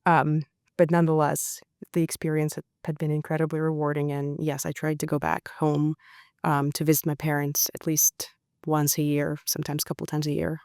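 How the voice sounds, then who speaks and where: A journalist guest in her thirties, a woman from Russia, weighs her answers with hesitations and fillers. Her voice is gravelly and level, with a smooth clarity, recorded dry and close. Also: deep voice, level tone, a little fast, a little mellow, no room sound. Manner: thoughtful, hesitant with many fillers. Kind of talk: interview answers.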